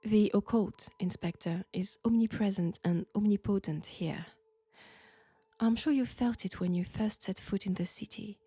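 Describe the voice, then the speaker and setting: A French-accented woman plays an enigmatic, ominous occult professor and possessed vessel of an ancient entity, her medium-pitched voice with a breathy edge staying close to everyday speech. She addresses the listener slowly, deliberately and in a hush, whispering some phrases. There's no echo, only faint background music, in this audio roleplay.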